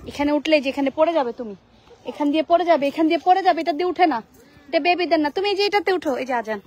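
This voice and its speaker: A young woman, vlogging at an outdoor playground. She calls anxious warnings to her child and then speaks softly to her viewers. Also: high-pitched. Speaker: vlogger and mother. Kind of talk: casual family vlog.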